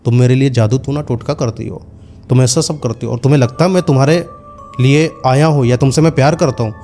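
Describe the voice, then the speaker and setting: A man's voice: medium pitch, a little fast, warm tone, faint music behind, lightly acted. A man voicing a cruel, deceitful young man in a told horror story, speaking with scorn. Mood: contemptuous. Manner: scornful, insulting.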